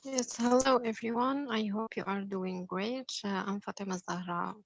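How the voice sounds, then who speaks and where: A woman's voice: mid-range voice, fairly even intonation, normal speed, dull audio, slight background noise. A woman from Morocco, an urban planner and PhD student, introducing herself on a video call in a friendly way.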